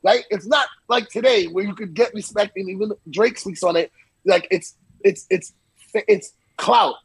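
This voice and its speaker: A DJ in his forties joins a casual podcast interview by video call from a small room at home, his voice raised, high-pitched, gravelly, and somewhat husky. At a moderate pace, he tells stories animatedly and without a filter, gesturing, swearing freely, and repeating himself. The audio is close, dry, and low in quality.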